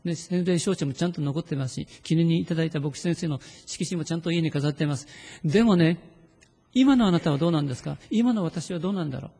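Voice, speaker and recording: A man preaching a sermon as pastor, earnest and pleading, sometimes leading a slow prayer read aloud. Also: fairly high pitch, mellow, breathy edge, long reverb tail.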